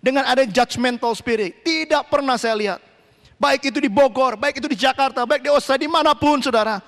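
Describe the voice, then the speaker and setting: A man preaching a sermon as pastor, with sudden shouted lines and English phrases mixed in. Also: very high-pitched, fairly quick. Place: church hall. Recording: long church hall reverb.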